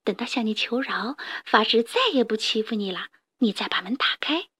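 A woman voicing a sly fox neighbor who gives advice in a hushed, conspiratorial voice in a storybook tale. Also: fairly high pitch, normal speed, slightly rough, dry recording, studio quality. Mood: scheming.

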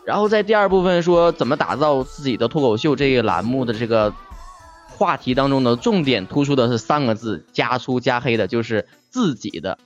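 A man's voice: medium pitch, expressive, brisk, faint music behind. A man with a Northeastern Chinese accent talking casually as a podcast guest, colloquial and joking. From Shenyang, northeastern China. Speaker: talk-show podcaster, guest instructor. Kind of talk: casual explanatory talk.

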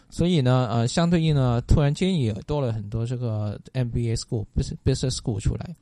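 A man answering interview questions who lays out his points one by one, pausing often on fillers. His voice is dark and mellow. The sound is close and dry. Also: medium pitch, dry recording. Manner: explanatory, methodical, with many fillers. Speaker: guest.

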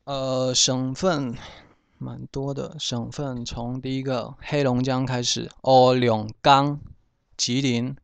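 A man with a Southern Min accent works through a vocabulary lesson at a very slow, unhurried pace, often thinking aloud and hedging. His voice is gravelly yet smooth and resonant. The sound is dry and close. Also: medium pitch, little pitch movement, dry recording. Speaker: language teacher. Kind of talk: casual spoken vocabulary lesson.

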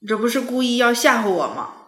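A woman voicing a timid chubby boy animal who is terrified of injections and shouts in a whiny, panicky way. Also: on the high side, fast talker, echoey room, lightly acted. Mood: indignant.

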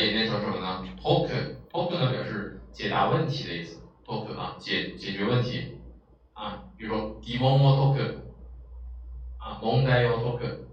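A man's voice: on the low side, slight background noise. A man teaching a vocabulary lesson, explaining patiently with many filler sounds. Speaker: Japanese language teacher. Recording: echoey, distant, dull lo-fi room.

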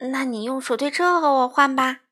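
A woman voicing an eager, bumbling young male crow in a storybook, excited and pleading. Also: sits high, a little fast.

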